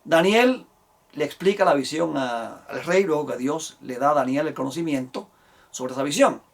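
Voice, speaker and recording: A man's voice: a little high, moderate pace, gravelly, distant mic. A man teaching on the Bible in an emphatic way, his voice rising to stress key points.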